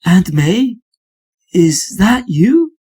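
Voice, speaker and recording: A man's voice: high voice, very animated, extremely slow, dark tone, husky, exaggerated voice. A man doing a panicky young superhero. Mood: confused. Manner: panicky, self-blaming. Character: young adult male superhero, anxious and guilty.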